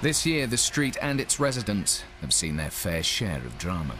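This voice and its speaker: A man's voice: low voice, sing-song, moderate pace, noisy background. A man reading scripted narration for a television documentary. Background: music and vehicle sounds.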